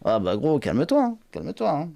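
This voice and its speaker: A man's voice: a little high, huge pitch swings, brisk, creaky, warm tone. A man hosting a casual live stream, talking bluntly and mockingly with slang and swearing. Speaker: streamer host, rapper.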